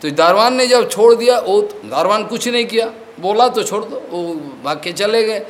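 A man's voice: high-pitched, animated, normal speed. A man giving a devotional discourse as a spiritual teacher, explaining with stories, slipping in English words and often asking whether his listeners have understood.

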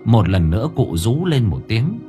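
A man reads a story with expressive, dramatic storytelling. His pitch is on the low side and moves a lot. Soft music plays underneath. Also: normal speed. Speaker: audiobook narrator. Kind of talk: storytelling narration. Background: faint music bed.

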